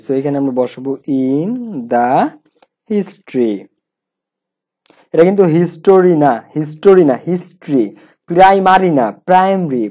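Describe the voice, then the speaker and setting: A man with a Bangladeshi accent teaches an English grammar lesson in a warm, slightly high voice. He poses questions and answers them himself, repeating words to model pronunciation.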